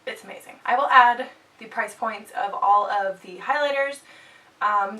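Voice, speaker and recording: Medium-pitched and sharp in tone, a young beauty vlogger in her twenties reviews products for her channel with a stuffed-up nose. She keeps it bubbly and chatty with jokey asides, captured on a slightly distant mic with faint background hiss.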